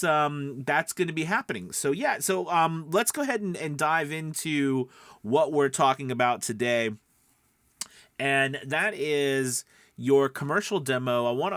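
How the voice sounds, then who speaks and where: In a dry recording, a middle-aged man with a mid-range, slightly bright voice hosts a video podcast coaching voice-over work. His talk is casual and instructional, wandering as he frequently rewords himself.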